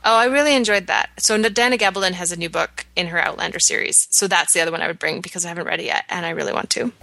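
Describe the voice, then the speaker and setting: Talking very fast with vocal fry, this podcast co-host, a woman in her thirties from Canada with a Canadian accent, keeps the chat casual and full of ums and restarts. Her voice is on the low side yet pushed and bright.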